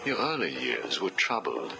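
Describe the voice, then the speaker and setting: A calculating interrogator with a very deep voice that rises and falls as he probes. He sounds clinical and cold. The voice comes through the hiss of a cassette tape. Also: wildly swooping pitch, moderate pace, creaky, full character voice. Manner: probing, clinical questioning. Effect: played back from a cassette tape recording. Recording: hissy cassette tape playback.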